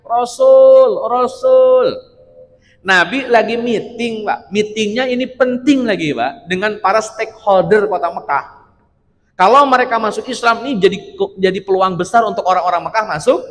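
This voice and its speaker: A man's voice: high voice, fairly bright tone. A man giving a chatty, joking religious lecture in a mosque, keeping his listeners involved by addressing them as "Pak" again and again. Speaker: preacher. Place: mosque hall. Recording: long reverb of a large hall.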